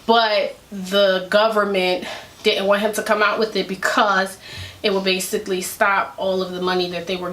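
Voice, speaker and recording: A woman's voice: medium pitch, fairly bright tone, slight background noise. A woman vlogging from home, chatting casually and giving her opinion with rambling asides. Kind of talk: casual commentary to camera. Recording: echoey room.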